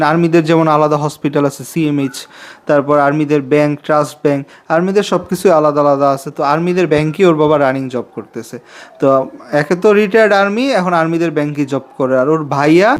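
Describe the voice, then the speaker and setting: Young male vlogger, twenties, slightly high voice, rambling, confiding to camera. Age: 20s. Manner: chatty and confiding, repeats himself, pleads for subscribers. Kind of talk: casual talking-to-camera vlog.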